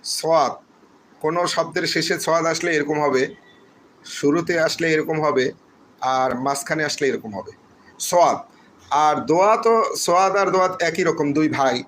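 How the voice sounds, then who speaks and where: A patient man teaches Quran letters step by step, drilling each name over and over. His voice sits a little higher than most men's. A faint hiss of noise runs under the recording. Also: normal speed, pauses often, a bit bright, rough recording. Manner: patient, repeats letters for listeners to say along. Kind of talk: slow step-by-step lesson with drilled letter names.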